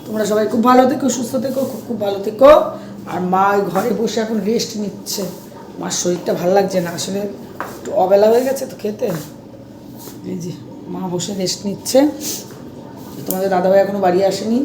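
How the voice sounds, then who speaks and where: Woman, middle-aged, hoarse, chatty vlog talk, echoey room. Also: mid-range voice, brisk, pauses often, background noise. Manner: chatty, walks viewers through dishes. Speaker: vlogger. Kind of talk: casual vlog talk to viewers.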